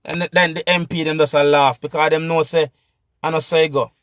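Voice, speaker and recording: A man's voice: fairly high pitch, flat delivery, a little fast, a bit bright, dry recording. A man with a Jamaican accent giving an impassioned, repetitive political rant as a vlogger.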